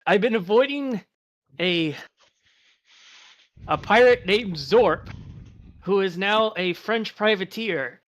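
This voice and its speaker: A man's voice: sits high, animated, takes it slowly, long pauses, a bit bright, highs cut off. A man playing a tabletop role-play game, talking casually and joking about his character's bluffing. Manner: chatty, laughs at his own bluffing. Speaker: player.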